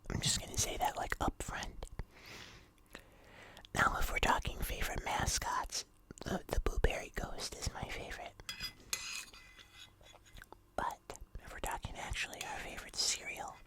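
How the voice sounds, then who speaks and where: The voice belongs to the host of an ASMR eating video, who whispers softly and without voice into a nearby microphone while chatting leisurely and informally with viewers.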